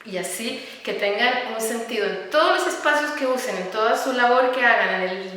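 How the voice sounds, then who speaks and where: A middle-aged woman with a Costa Rican Spanish accent, speaking earnestly as an interview guest, often pausing on fillers and repeating words. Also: on the high side. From Costa Rica. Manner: earnest, warm about children, many fillers and repeated words. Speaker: architect and educator, interview guest. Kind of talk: conversational interview. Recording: echoey room, recorded from some distance.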